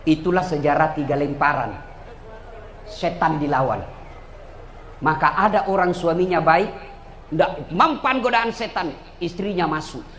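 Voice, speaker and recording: A male preacher with a Bugis-Makassar Indonesian accent delivers a humorous sermon, teasing his listeners. His voice sits high and bright, leaping up and down with animated swings. Faint ambient noise hangs behind him. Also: a little slow, long pauses. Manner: lively, joking, teasing the audience. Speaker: Islamic preacher.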